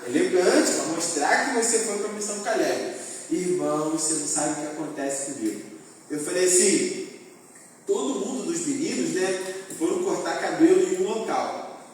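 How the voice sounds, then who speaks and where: A young man tells a humorous personal testimony from the pulpit, with animated storytelling and rhetorical questions to the congregation. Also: sits high. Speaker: youth speaker. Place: church hall. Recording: echoey church hall from far off with faint noise.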